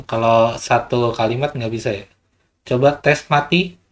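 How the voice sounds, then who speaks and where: A man hosting a casual hands-on electronics tutorial, talking in a relaxed, slangy way and repeating short test commands. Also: medium pitch, measured pace. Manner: addresses viewers as guys, upbeat sign-off.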